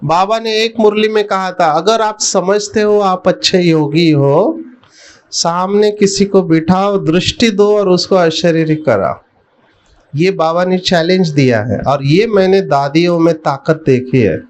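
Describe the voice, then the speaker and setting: A middle-aged man giving a spiritual talk, telling a personal story and putting questions to his listeners. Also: high voice. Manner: slow, storytelling, addresses the audience with questions. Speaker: spiritual speaker.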